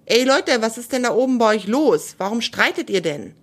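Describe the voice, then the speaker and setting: A woman's voice: a little high, big pitch swings, normal speed, slightly rough. A woman doing a kind, motherly wild sow. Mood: calling. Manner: kind and soothing. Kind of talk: children's storybook reading.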